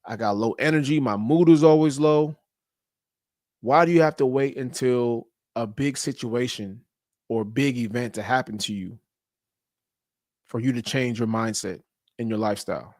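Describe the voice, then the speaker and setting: A man's voice: mid-range voice, normal speed, long pauses, darkish tone, dry recording. Blunt, emphatic man in a dry room. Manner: blunt, emphatic, preachy, casual profanity. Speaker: podcast host. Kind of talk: motivational monologue.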